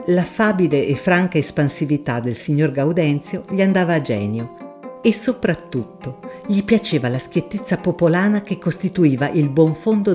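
A woman narrating a literary audiobook in a measured, expressive storytelling manner. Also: low-pitched.

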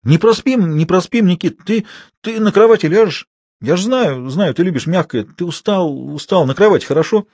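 A man's voice: fairly high pitch, sing-song, a little fast, darkish tone, husky, no echo, voice pushed up, full character voice. A man voicing an embarrassed young man who mutters and repeats his words. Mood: reassuring. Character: tall, awkward young man, embarrassed and fussing.

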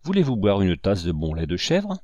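A man's voice: sits low, wildly swooping pitch, moderate pace, darkish tone, no echo, lo-fi sound, heavily acted. A man voicing a poor old woman who sells goat milk and greets people politely, in an audiobook reading. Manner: polite and welcoming.

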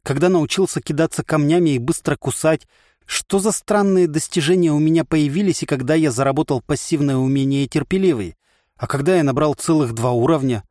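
A man reads a first-person audiobook with a dry, sardonic wit. His voice sits a little high for a man. The recording is close and dry, with no room sound. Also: fairly quick, a little mellow, dry recording. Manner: wry, sardonic storytelling. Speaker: audiobook narrator.

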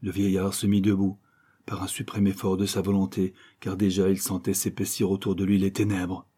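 A man narrating a classic short story in a measured storytelling way. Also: deep voice, completely flat delivery, mellow, husky. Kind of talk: audiobook narration.

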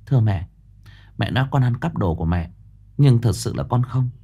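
A man's voice: mid-range voice, breathy edge. A man voicing a composed young daughter-in-law who answers politely and evenly. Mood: calm. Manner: calm, polite, measured.

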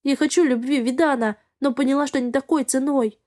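A woman's voice: sits high, fairly even intonation, fairly quick, a little mellow, natural voice. A woman voicing a frightened, guilt-ridden young woman who pleads in a quavering, breathless voice. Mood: confessing.

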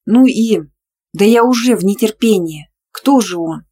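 A woman's voice: mid-range voice, measured pace, mellow, husky, voice pushed up. A woman doing a dreamy, teasing student girlfriend. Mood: eager. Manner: teasing, playful. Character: young female student, dreamy teasing best friend.

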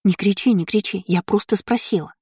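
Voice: mid-range voice, moderate pace, warm tone, dry recording, clean studio sound, lightly acted. A narrator voicing a curious, eager young noblewoman who gossips playfully with her friend. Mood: placating. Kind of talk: audiobook character voice.

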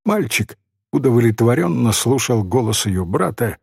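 A man narrating a story in an expressive, gently ironic way. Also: mid-range voice, a little slow, creaky, slightly rough, no room sound, clean studio sound. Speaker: audiobook narrator.

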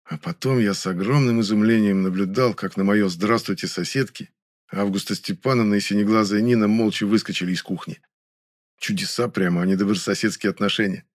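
Male audiobook narrator, slightly low voice, measured and wry. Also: steady tone. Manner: measured, ironic storytelling.

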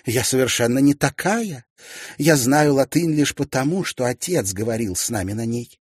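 A man voicing a spirited, quick-tongued young woman, lifting his voice high and lively. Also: husky, no echo, studio quality. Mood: indignant. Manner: raised, lively, teasing.

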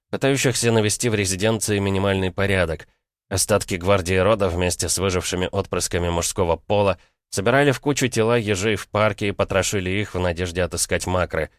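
A man narrating a fantasy audiobook in a steady, even reading. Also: lowish voice, dry recording, clean studio sound. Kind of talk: scripted fiction narration.

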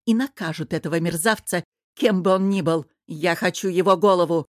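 A stern queen who rules her household with icy command, as a woman reads her in an audiobook. Her voice sits fairly low and sounds close and dry, and her words come out clipped and scornful. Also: fairly quick, dry recording, lightly acted. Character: stern, vengeful middle-aged queen. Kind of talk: audiobook character reading.

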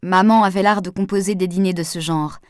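A woman's voice: lowish voice, steady tone, fairly quick, no echo, studio quality, natural voice. A woman reading aloud, voicing a younger man who speaks fondly and wistfully of the past. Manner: wistful, fond. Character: Adrien, a nostalgic younger man.

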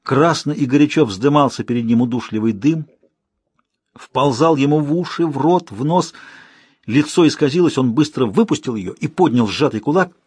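A man narrating an audiobook in a measured, steady reading. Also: mid-range voice, husky, dry recording, clean studio sound. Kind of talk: scripted narration.

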